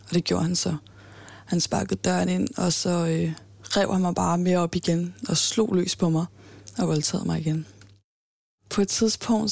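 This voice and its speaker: A young woman in her twenties tells her story in a halting way, full of fillers and restarts. Her voice sits low and gravelly with little rise and fall. The recording is close and dry. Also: a little mellow, no room sound. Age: 20s. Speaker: interviewee. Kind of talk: personal account in an interview.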